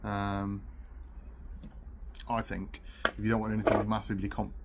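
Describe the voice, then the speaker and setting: A man's voice: fairly low pitch, completely flat delivery, moderate pace. A British man gives a casual review to camera, talking between puffs with a pipe in his mouth, recorded on a camera's own microphone. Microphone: built-in camera microphone. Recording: noisy camera audio without separate microphone.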